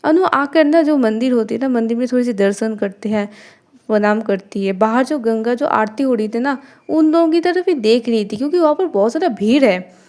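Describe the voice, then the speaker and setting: A woman's voice: fairly high pitch, brisk, a little mellow. A woman narrating a love story in a chatty, conversational way, often restarting and repeating herself. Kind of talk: casual spoken story narration.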